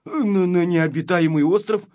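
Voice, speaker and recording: A man's voice: high voice, unhurried, a little mellow, pitched above the performer's own voice. A man voicing a timid, tearful little boy shorty who whines and wails, on a slightly dull recording. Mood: whining. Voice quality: whiny, wailing.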